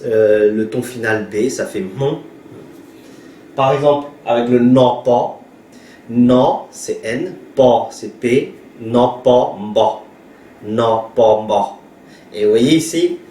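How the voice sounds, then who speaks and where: A man with Hmong as his first language teaches a language lesson at a very unhurried pace, patiently repeating each sound aloud. His voice sits back from the microphone in an echoey room. A faint hum of ambience runs underneath. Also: on the low side, warm tone, far from the mic. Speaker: pastor teaching Hmong reading. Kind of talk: slow spoken language lesson. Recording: roomy echo, voice from afar, faint ambience.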